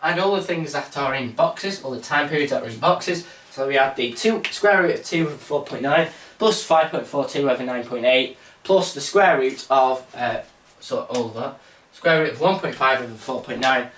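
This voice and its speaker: A man's voice: medium pitch, moderate pace, fairly bright tone, recorded from a distance. A young man talking through an exam maths problem in a casual, rambling way with self-mocking asides. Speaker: maths tutor. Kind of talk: informal exam walkthrough. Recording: roomy sound, mic set back.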